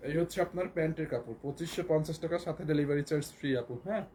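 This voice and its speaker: Hoarse Bangladeshi man doing a sales pitch. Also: racing, warm tone, slight background noise. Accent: Bangladeshi Bengali. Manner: repetitive, keeps repeating prices and urging viewers to buy. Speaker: live-stream clothing seller. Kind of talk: live shopping sales pitch.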